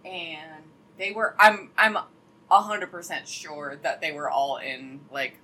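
A woman's voice: deep voice, fairly even intonation, takes it slowly, sharp tone, poor audio. A young adult woman chatting casually with a friend, telling stories with lots of "like" and frequent laughter. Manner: chatty storyteller, heavy use of "like", laughs often. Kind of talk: casual chat.

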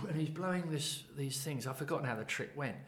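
A man's voice: fairly high pitch, normal speed, a bit bright. An older man, a comedian guest telling rambling anecdotes in casual chat and chuckling often.

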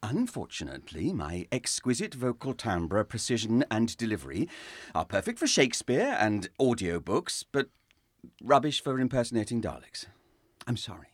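A man's voice: medium pitch, very animated, moderate pace, dry recording, studio quality. A man, a guest actor, hesitant and apologetic, stammering through scripted comedy banter.

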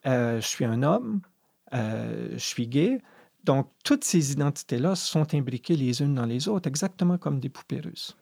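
A man's voice: medium pitch, lively intonation, gravelly, a little mellow, no echo, clean studio sound. A middle-aged man with a Brayon Acadian French accent from northwest New Brunswick, speaking thoughtfully with many hesitations in a podcast conversation. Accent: Acadian French, Brayon (Madawaska). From Madawaska, New Brunswick, Canada. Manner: thoughtful, measured, with frequent "euh". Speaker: poet guest.

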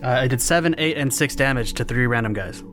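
A man's voice: mid-range voice, brisk, music in the background. A man talking casually and with swearing as a player in a tabletop role-playing game. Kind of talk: casual, profane gaming chat.

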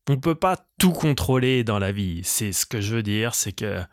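A man's voice: lowish voice, animated, measured pace, no echo, studio quality. A man hosting his own podcast, a comedian rambling through crude, self-mocking digressions. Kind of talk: rambling comic monologue.

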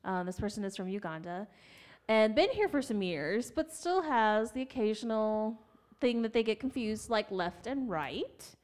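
A woman hosting a casual chat, telling stories in an animated way and laughing often. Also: medium pitch, normal speed. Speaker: podcast host.

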